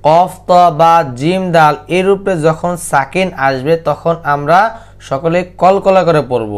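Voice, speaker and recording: A man teaching Quran recitation rules in Bengali, explaining plainly and then reciting verses slowly and drawn out. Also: on the high side, smooth. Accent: Bangladeshi Bengali. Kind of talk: tajweed lesson, alternating explanation and slow recitation.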